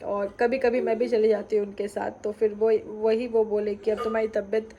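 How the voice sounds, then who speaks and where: A woman's voice: a little high, warm tone. Sick, chatty young mother vlogging at home. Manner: chatty, fond mother talking to camera. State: sick with a cold, sore throat. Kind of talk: casual home vlog chat. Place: home at night.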